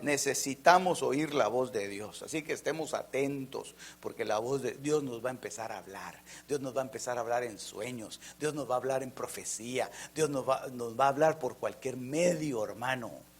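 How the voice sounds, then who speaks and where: A man preaching a fervent sermon, jumping from loud emphatic lines to near-whispers and often addressing listeners as brother. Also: mid-range voice, moderate pace, slight background noise. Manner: keeps calling listeners "hermano".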